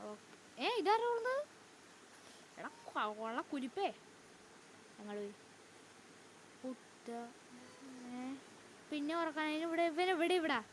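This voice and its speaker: Chatty woman gamer, fairly high voice. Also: a little hiss or hum. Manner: chatty, addresses viewers as guys, jumpy frightened outbursts. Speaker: gaming YouTuber. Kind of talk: let's play commentary.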